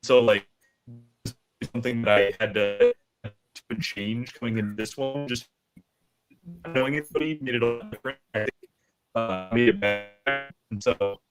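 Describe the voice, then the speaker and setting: A man's voice: mid-range voice, normal speed, pauses often, over music. Young man on a choppy, cutting-out call. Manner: hesitant, many ums and restarts. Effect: bad connection, cutting in and out and echoing. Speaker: guest player. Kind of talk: casual chat over a video call. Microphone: video call.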